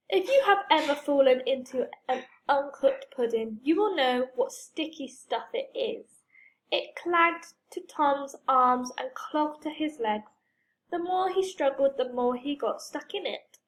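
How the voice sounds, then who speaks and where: A woman reading a children's story aloud, expressive and playful with sound words. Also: sits high.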